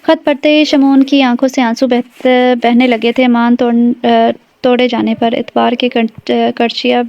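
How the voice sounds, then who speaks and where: A woman narrates a romance novel in a steady, even way. Her voice is rather high but stays very flat, with a mellow tone. The recording is dry and a little dull. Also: dry recording. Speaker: audiobook narrator.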